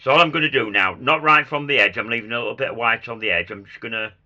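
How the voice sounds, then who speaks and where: A man with a croaky, hoarse voice giving a casual hands-on craft demonstration, muttering small asides to himself as he works. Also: mid-range voice, fast talker, pushed and bright, muffled recording. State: hoarse after a chest infection. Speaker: craft tutor demonstrating sugar flowers.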